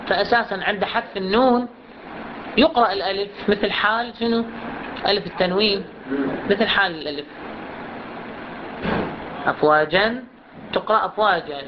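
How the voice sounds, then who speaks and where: A teacher giving a classroom lesson who asks the class questions and slowly stretches out example words to demonstrate them. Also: medium pitch. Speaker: teacher of Quran recitation rules. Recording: dull lo-fi recording with clear background noise.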